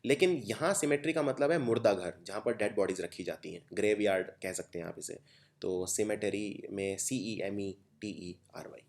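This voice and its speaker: Casting: young Indian-accented male tutor, lowish voice, patient letter-by-letter spelling lesson. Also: a little fast, few pauses. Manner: explains step by step, spells words out letter by letter. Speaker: teacher. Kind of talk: exam-prep vocabulary lesson.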